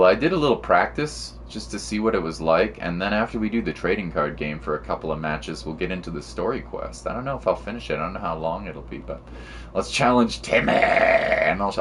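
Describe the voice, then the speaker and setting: Deep-voiced yet fairly bright in tone, this man sounds animated and a little fast, with a bit of hiss or hum in the recording. During his livestream he casually chats and commentates on gameplay, using easygoing slang and mild swearing.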